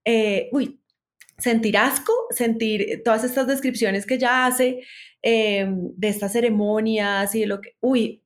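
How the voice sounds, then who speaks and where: Lively Colombian woman, slightly high voice. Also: measured pace. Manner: animated, laughs often, many restarts. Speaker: podcast guest. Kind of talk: casual conversation about books.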